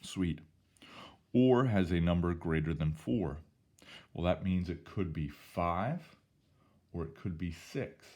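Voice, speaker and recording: A male statistics teacher, hoarse from losing his voice, casually talking through problems step by step in a recorded lesson. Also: low voice, lively intonation, slow, pauses often, darkish tone. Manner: casual, chatty, talks through each step. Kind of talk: recorded math lesson walkthrough.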